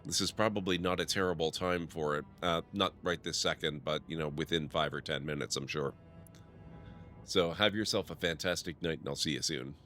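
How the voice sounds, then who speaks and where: Male game streamer, low voice, informal chatty commentary, faint music behind. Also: a little fast, a bit bright. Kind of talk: casual live let's play commentary.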